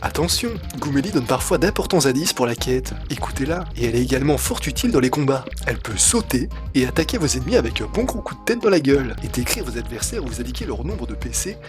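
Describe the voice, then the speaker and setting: A man's voice: medium pitch, very animated, fast, few pauses. A man gives casual let's play commentary. He sounds joking and irreverent, with a crude streak, and game music plays behind him.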